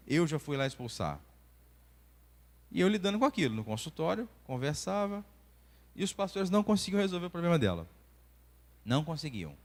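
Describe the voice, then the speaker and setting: Brazilian guy in his 40s, doctor teaching church class, lively storytelling, long church hall echo. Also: high-pitched. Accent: Brazilian Portuguese. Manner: animated storytelling, acting out dialogue. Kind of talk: church lesson with personal stories.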